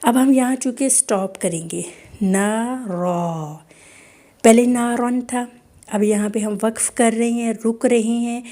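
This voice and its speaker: Woman tajweed teacher, slightly high voice, patient and instructive, repeats sounds slowly. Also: mellow. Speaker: Quran recitation teacher. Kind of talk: online tajweed lesson.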